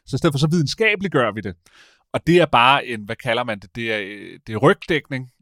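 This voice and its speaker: A man in casual conversation as a podcast host, rambling and animated, often stopping to correct himself. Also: medium pitch, no echo, clean studio sound. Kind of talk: casual chat.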